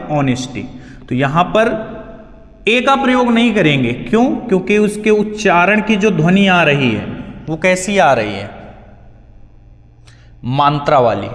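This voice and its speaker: A man's voice: a little high, a bit bright. A male teacher giving a grammar lesson, asking questions and answering them himself. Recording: echoey hall sound.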